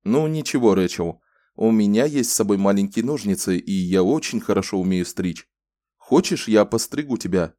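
A frank, good-natured grown man who teases kindly and speaks bluntly, as the audiobook reader plays him. His voice is low and mellow, close to the reader's own. The sound is dry and close to the mic. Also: lively intonation, moderate pace, lightly acted. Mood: teasing lively. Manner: frank, teasing.

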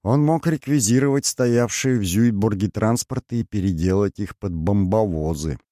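A man voicing a wary, grave male mercenary colonel in an audiobook, who speaks slowly, measured and deferential. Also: lowish voice, dark tone, dry recording, clean studio sound, close to an everyday voice. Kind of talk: audiobook character voice.

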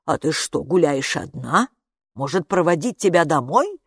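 Woman voicing a brisk nosy neighbor lady. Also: low-pitched, sing-song, husky, no room sound, clean studio sound, exaggerated voice.

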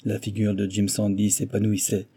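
A man reading a novel aloud as narrator, in a measured, even way. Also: lowish voice, husky. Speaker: audiobook narrator.

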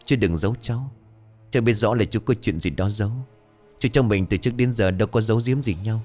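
A man's voice: fairly low pitch, fast talker, darkish tone, faint music behind, natural voice. A man voicing a curious young adult nephew who asks questions in an earnest, pleading way.

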